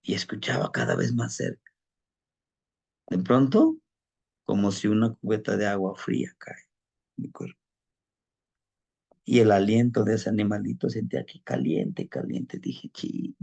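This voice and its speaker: A man recounts a personal story in a loose, chatty way. His voice is gravelly and husky, with a dark, mellow tone, and he keeps checking in with the listener and stumbling over repeated words. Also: lowish voice, expressive, unhurried, long pauses. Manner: conversational, frequent tag questions, repeats words while searching. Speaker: storyteller of spirit lore. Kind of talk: casual personal anecdote.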